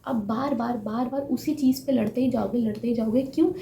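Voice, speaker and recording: A woman's voice: on the high side, a little fast, vocal fry, dark tone, echoey room, a little hiss or hum. A woman giving earnest relationship advice straight to her viewers, repeating her points and asking them questions. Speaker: relationship coach. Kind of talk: direct-to-camera advice talk.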